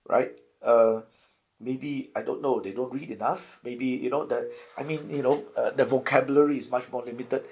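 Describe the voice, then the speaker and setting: Middle-aged Singaporean lecturer, gravelly and relaxed, interview answers with lots of restarts. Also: male voice, mid-range voice, normal speed, slight background noise. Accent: Singaporean English. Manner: thoughtful, many restarts and rhetorical "right?".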